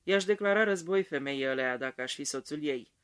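A man voicing a blunt old gentleman with a hoarse, trembling voice. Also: fairly high pitch, animated. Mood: gruff. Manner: blunt, chuckling.

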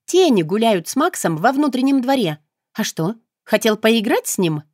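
A woman's voice: medium pitch, lively intonation, moderate pace, darkish tone, no echo, lightly acted. Female reader as blunt young heroine: teasing, matter-of-fact, dry sound. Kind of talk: audiobook character voice.

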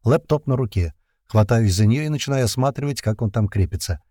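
A man's voice: mid-range voice, expressive, fairly quick, dark tone, dry recording, studio quality. A man narrating a first-person audiobook in a tense, colloquial storytelling manner full of slang.

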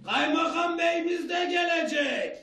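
An actor playing a bossy village watchman in a radio play, calling out drawn-out shouted announcements like a town crier. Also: very high voice. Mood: loud proclaiming. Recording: very echoey, distant, music and crowd behind.

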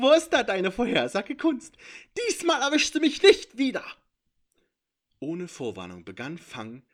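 Casting: male audiobook narrator, measured, lively intonation. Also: on the low side. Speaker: author and narrator.

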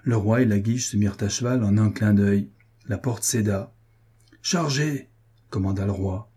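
Male narrator, audiobook, husky voice, dark tone, measured reading. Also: lowish voice, steady tone. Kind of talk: scripted narration.

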